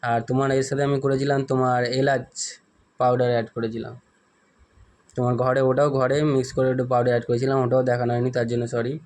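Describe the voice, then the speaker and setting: A man with a hoarse, husky voice chats casually as he shows viewers a home recipe step by step and keeps apologizing for steps he skipped. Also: medium pitch, little pitch movement, a little fast, darkish tone. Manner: chatty, rambling, often apologizes for skipped steps. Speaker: home cooking channel host. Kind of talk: casual cooking demonstration.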